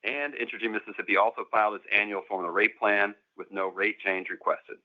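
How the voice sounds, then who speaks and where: A company executive reads scripted corporate remarks to investors on a conference call, formal and measured. His voice is fairly low with fairly even intonation, and it comes through a narrow, phone-like line.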